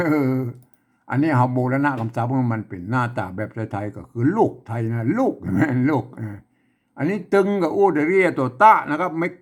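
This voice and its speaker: A man teaching a casual spoken lesson, repeating himself and talking with many fillers. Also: on the high side. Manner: repetitive, rambling, with many fillers.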